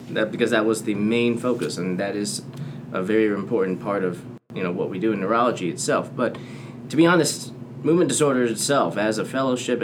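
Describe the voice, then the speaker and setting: A man with a somewhat low voice speaks on a podcast panel, thinking out loud and hedging his points. A clear hiss of background noise sits behind him. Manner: thoughtful, hedging, fillers like "you know". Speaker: medical fellow. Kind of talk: casual panel discussion.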